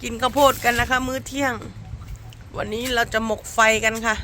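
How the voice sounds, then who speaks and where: Woman, high voice, playful mock-earnest vlog narrator of a homemade skit, recorded outdoors with light background noise. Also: flat delivery, a little fast, a bit bright. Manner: playful, mock-earnest presenting with polite sentence endings. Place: outdoors in a rural garden. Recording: noisy outdoor amateur recording.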